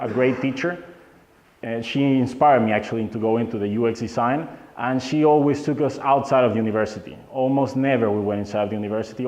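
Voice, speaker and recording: A man's voice: mid-range voice, darkish tone. A young man from Venezuela, giving a live workshop lecture in loose English and quizzing his audience. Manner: loose, non-native phrasing, asks the audience questions. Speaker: workshop speaker. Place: meetup hall. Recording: roomy, muffled hall recording.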